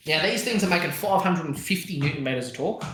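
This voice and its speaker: A man's voice: a little high, animated, fast talker, a bit bright, echoey room, slight background noise. A young Australian man co-hosting a podcast, chatting casually with sweary, laughing, rambling banter. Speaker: podcast co-host. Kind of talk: casual chat.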